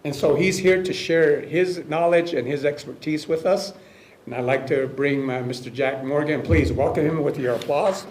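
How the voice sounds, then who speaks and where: A man hosting an event gives a halting spoken introduction of a guest speaker in an echoey room. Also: a little high, darkish tone, slight background noise.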